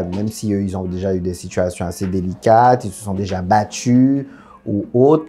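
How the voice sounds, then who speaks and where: A young man from French Guiana speaks in a fairly low, dark-toned voice. He's a guest in a casual interview, telling his story frankly and filling it with plenty of fillers.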